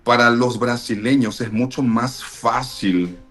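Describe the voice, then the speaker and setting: A Paraguayan man being interviewed, explaining things in a measured way with frequent fillers and restarts. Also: mid-range voice, a bit bright. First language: Spanish. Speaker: interview guest, language teacher. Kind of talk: thoughtful explanatory interview answers.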